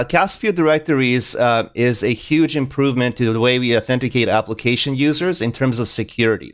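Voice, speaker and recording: A man hosting a live webinar, talking through slides in an upbeat, informal way as he addresses his viewers. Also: mid-range voice. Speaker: livestream host and product presenter.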